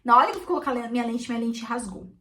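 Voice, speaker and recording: A woman from with a fairly high voice, sharing a personal story as a therapist. She talks in a heartfelt, emotional, confessional way and keeps checking in with her listeners. Her voice sits a little far from the microphone. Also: racing, bright, forceful tone. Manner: heartfelt and emotional, frequent "né" tags.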